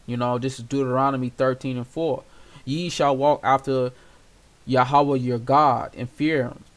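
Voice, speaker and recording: Speaking at normal speed with a medium pitch and fairly even intonation, a man leads an informal Bible study as its teacher. He reads scripture aloud in its old-style wording and explains it casually and conversationally, with many fillers and "you know"s.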